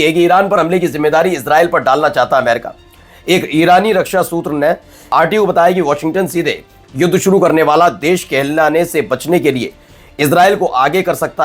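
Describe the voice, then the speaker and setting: A man presenting news commentary in a conversational, animated way, with frequent restarts. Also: a little high.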